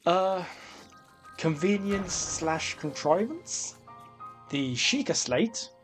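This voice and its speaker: A man's voice: high-pitched, animated, drawn-out words, faint music behind. A man hosting a comedic video essay on games, sarcastic and sweary, mixing scripted commentary with rambling asides.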